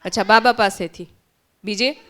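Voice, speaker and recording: A woman's voice: medium pitch, normal speed, bright, forceful tone, slight background noise. A woman with a Gujarati accent teaching children at a summer camp, asking them questions and repeating their answers. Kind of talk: interactive lesson with children. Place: centre hall.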